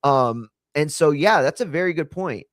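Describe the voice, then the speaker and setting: A man co-hosting a late-night wrestling talk show, excitable and swearing freely in casual chat. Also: on the high side, normal speed, no echo, clean studio sound. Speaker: podcast co-host.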